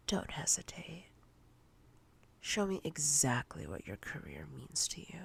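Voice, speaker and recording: A woman plays a domineering, menacing corporate boss in a breathy ASMR roleplay whisper. She is commanding and deliberately condescending, fully in character, with a low pitch and a fairly bright tone.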